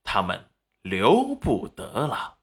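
A man's voice: on the low side, wildly swooping pitch, takes it slowly, pitched below the performer's own voice, exaggerated voice. A man voicing a cold, composed young husband who dismisses his in-laws curtly. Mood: icy. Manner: icy, clipped.

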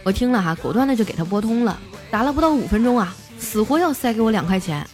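A young woman with a slightly high voice reads out jokes as a comedy host. She is playful and often chuckles at the punchlines. Music plays clearly underneath her voice. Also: expressive, quick pace, darkish tone. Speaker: host reading out listener jokes. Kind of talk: lively comic joke reading.

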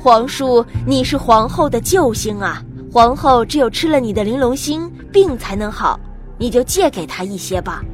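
A woman's voice: on the high side, expressive, moderate pace, faint music behind, pitched below the performer's own voice, close to an everyday voice. Woman doing a rash tyrant king. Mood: coaxing. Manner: blustering, commanding.

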